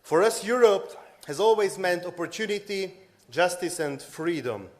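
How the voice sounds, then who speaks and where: A man's voice: high-pitched, expressive, normal speed. A man with a Hungarian accent giving a prepared conference speech, earnest and emphatic in his rhetorical delivery. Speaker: political party delegate, panel speaker.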